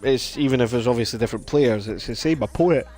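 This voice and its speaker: A man's voice: medium pitch, fast talker, a little mellow, soft background music. A man commentating casually on his own live game stream, chatting and reacting to the play. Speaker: gaming streamer.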